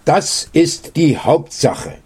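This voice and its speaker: A man voicing a sweet-toothed storybook bear who grumbles his demands. The voice is husky and raised, swinging widely in pitch. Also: expressive, slow, darkish tone, exaggerated voice. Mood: demanding.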